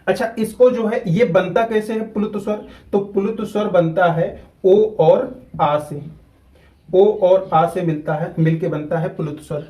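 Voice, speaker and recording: A man, teaching a grammar lesson at a whiteboard. He repeats key terms slowly and deliberately so students can keep up. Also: high voice, steady tone, dark tone, rough recording.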